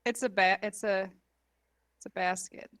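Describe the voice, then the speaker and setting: A woman's voice: mid-range voice, steady tone, moderate pace, a bit bright. A woman chatting and giggling with friends over an online voice call. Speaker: tabletop game player. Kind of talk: casual chat before a game session.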